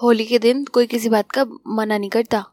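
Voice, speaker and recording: A woman's voice: on the high side, steady tone, normal speed, a little mellow, dry recording, lightly acted. A woman voicing a brash, bossy young woman in a story she narrates.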